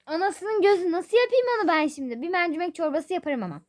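A woman's voice: very high voice, animated, quick pace, pitched above the performer's own voice. A woman voicing a fussy, nagging mother in a toy-game role-play, grumbling with sighs. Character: fussy scolding mother of a family.

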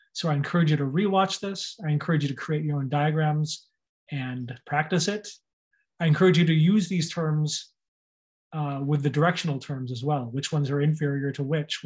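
A man records an anatomy lecture over his slides. He spells out and repeats each term, stressing how it is pronounced. He talks in a plain, even teaching voice. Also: fairly high pitch.

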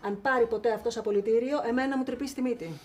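An actress playing a brisk, sharp-tongued woman who scolds and manages everyone. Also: on the high side, steady tone, lightly acted. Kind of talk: sitcom acting.

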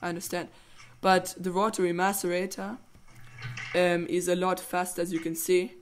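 Speaking in a high, monotone voice at a moderate pace, a teenage let's play host offers rambling, lighthearted commentary as he plays a game, full of silly jokes.

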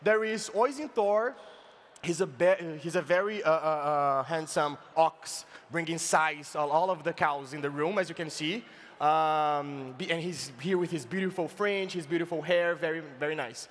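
A man giving a playful comic science talk on stage, halting often and filling pauses as he explains. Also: on the high side. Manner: playful, halting, with many fillers and restarts. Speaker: science slam presenter. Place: large event stage, indoors. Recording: reverberant live event hall.

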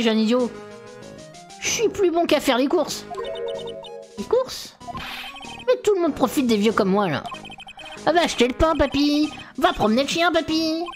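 A woman voicing a rude, grumbling old male craftsman in a video game playthrough. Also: sits high.

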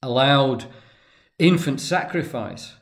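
A man lecturing at length off the cuff, speaking deliberately and pausing often, with restarts as he stresses key words. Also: medium pitch, animated. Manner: deliberate, halting, with restarts and emphatic pauses. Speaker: tarot and religion commentator. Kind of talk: unscripted lecture.

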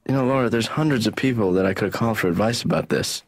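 A man voicing a therapist's grown son, a deadpan, sarcastic slacker in an animated sitcom. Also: on the low side, very fast, dry recording.

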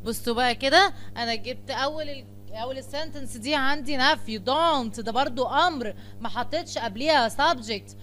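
A woman with an Egyptian Arabic accent teaching an English lesson to young pupils. She reads English phrases slowly, translates them, and repeats sounds to drill them. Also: sits high, fairly bright tone, slight background noise. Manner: slows right down to read English phrases, then translates. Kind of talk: classroom lesson explaining English vocabulary.

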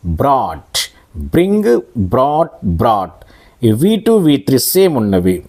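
A man with a Telugu accent teaching a spoken English lesson, explaining verb forms slowly and drilling words by repetition. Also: medium pitch, very animated, a little mellow. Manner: slow, deliberate, drills words by repeating them.

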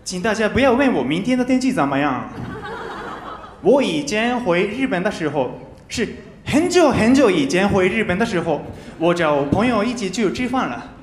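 High-pitched young Japanese-accented male stand-up comedian. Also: very animated, normal speed. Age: 20s. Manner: careful learner's phrasing with stumbles and repeats. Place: large TV studio stage with live audience. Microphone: handheld microphone. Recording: roomy stage sound with audience noise.

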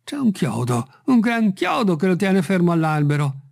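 A man doing a fearful old servant, high-pitched. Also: sing-song, moderate pace, creaky, darkish tone, full character voice. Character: old male servant, simple and fearful, climbing a tree. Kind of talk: audiobook reading.

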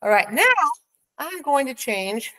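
A woman leading a preschool reading lesson in a slightly high voice. She talks slowly and patiently, stretching out each letter sound and cheering the child on. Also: expressive, a bit bright. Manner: slow, encouraging, sounds out letters. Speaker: preschool teacher.

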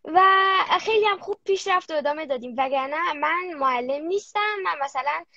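A woman's voice: high-pitched, expressive, vocal fry, a bit bright, no echo. A young girl guest answering interview questions casually and hesitantly, with many fillers. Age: child. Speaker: guest, young German-language creator. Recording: dull lo-fi dry sound.

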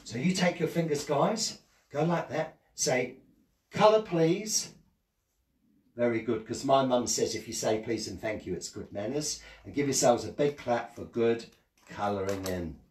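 A man's voice: mid-range voice, expressive, normal speed, a little mellow. An older man performing as a children's party magician, coaxing the children with simple questions, prompts and exclamations. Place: small indoor home-style stage with curtain backdrop. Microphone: headset. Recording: echoey room, slightly distant sound.

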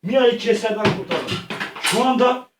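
A man improvising a dramatic scene, narrating it play by play and repeating his phrases over and over, turning frantic when he shouts. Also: very high-pitched, unhurried, noisy background. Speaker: storyteller playing out a scene. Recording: echoey room, voice far from mic.

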